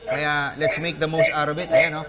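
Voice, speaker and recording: A man's voice: fairly high pitch, level tone, moderate pace, heavy background noise. A man hosting a sports talk show in a studio, bantering casually and joking with callers. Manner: joking, teasing, easygoing.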